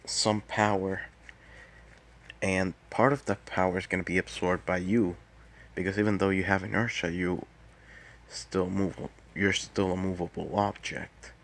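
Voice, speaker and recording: A man speaks quietly, as if late at night, in a low voice with heavy fry. He explains things casually on his own, very slowly, with halting pauses in the middle of phrases. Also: flat delivery. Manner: halting, pausing mid-phrase. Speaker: martial arts vlogger. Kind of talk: casual solo talk explaining fighting technique.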